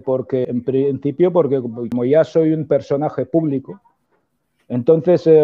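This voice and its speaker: A man in his forties from Equatorial Guinea, an opposition politician, speaks earnestly as an interview guest over a video call from a room at home. His fairly high voice comes through an earphone headset with tinny audio, and he uses many fillers and tag questions.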